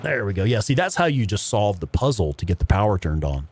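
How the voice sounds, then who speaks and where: A man's voice: on the low side, big pitch swings, fast talker, darkish tone, breathy edge. A man hosting a gaming livestream with casual, rambling commentary and some swearing. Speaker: livestream host playing a video game.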